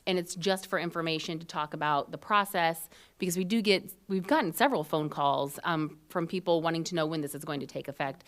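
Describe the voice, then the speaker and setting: A woman speaks in a notably low register as she gives the city manager's report to council. Her delivery is matter-of-fact and businesslike. She fills her pauses with ums. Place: council chambers.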